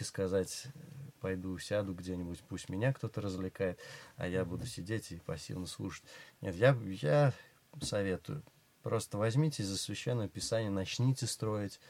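A man speaking as a guest pastor in an interview, measured and preacherly. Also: deep voice, a little mellow. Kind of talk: religious interview talk.

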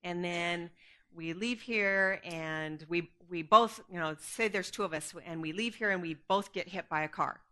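A woman giving an earnest, conversational sermon in short phrases, pausing after each so an interpreter can follow. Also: on the low side, pushed and bright. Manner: earnest, conversational, with fillers and restarts. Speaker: guest speaker preaching through an interpreter.

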